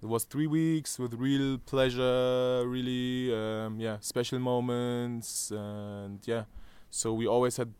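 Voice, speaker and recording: A man's voice: medium pitch, fairly even intonation, takes it slowly, hardly any pauses, darkish tone, clear, resonant tone, no room sound. A man in his thirties from Germany with a German accent, interviewed outdoors on a terrace, talking hesitantly with many fillers and restarts. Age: 30s. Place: outdoor terrace above a valley.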